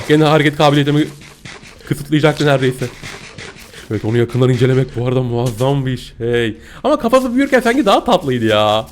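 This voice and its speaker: A young man giving playful, excitable gameplay commentary, often giggling and squealing at the screen. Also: on the high side, a little hiss or hum. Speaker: gaming YouTuber.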